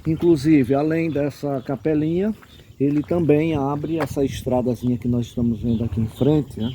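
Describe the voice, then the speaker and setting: A man from the backlands of Sergipe, in Brazil's Northeast, explains local history off the cuff with a Northeastern Brazilian accent. His teaching style is didactic, full of frequent check-in tags, and his voice sits on the high side with a steady, dark tone at normal speed. A little hiss or hum can be heard.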